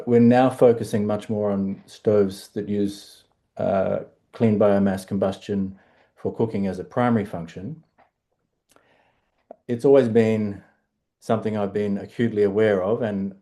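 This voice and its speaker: Dark-voiced Australian man, halting. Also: fairly low pitch. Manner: halting, self-deprecating, measured. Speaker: panelist, stove enterprise founder. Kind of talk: online panel discussion.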